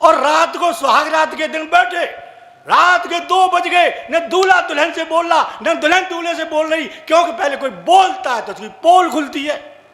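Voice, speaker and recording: High-voiced man telling jokes on stage. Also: moderate pace, bright, forceful tone. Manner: acts out drunk and stammering characters. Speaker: comic poet. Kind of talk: stage comic storytelling. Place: stage in a large hall with audience. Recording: echoey hall from far off.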